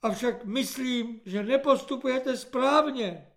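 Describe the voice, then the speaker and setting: A man's voice: extremely high pitch, voice pushed up. A man voicing an earnest young soldier and party journalist, speaking stiffly and dutifully.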